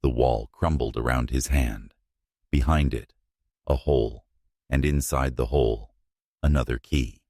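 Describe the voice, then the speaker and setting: A man narrating a scripted horror story in a hushed, suspenseful manner, in short, measured phrases. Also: extremely low pitch, husky, no room sound, studio quality.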